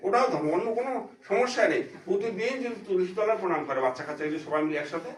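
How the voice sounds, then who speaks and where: A man's voice: high voice, lively intonation, very fast. A man giving a devotional talk, earnest and repeating phrases for emphasis. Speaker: religious speaker. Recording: echoey room, voice from far off.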